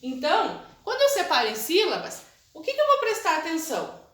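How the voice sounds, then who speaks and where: With a very high voice, huge pitch swings and a fairly bright tone, a Brazilian woman teaches young children in a recorded video lesson. The primary school teacher, accented in Brazilian Portuguese, goes slowly and patiently, stretching syllables and asking "tá?" and "né?" often, in a very echoey room.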